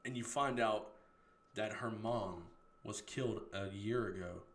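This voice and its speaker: A man's voice: lowish voice, measured pace, roomy sound. A man casually retelling a horror movie scene by scene, swearing freely and laughing at his own retelling.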